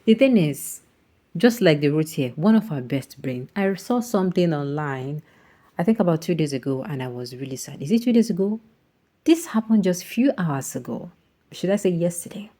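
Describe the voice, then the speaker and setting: An online political commentator, a woman with a Nigerian accent, gives opinionated off-the-cuff takes, emphatic and packed with rhetorical questions, sometimes shifting into Pidgin. Her voice is low and warm.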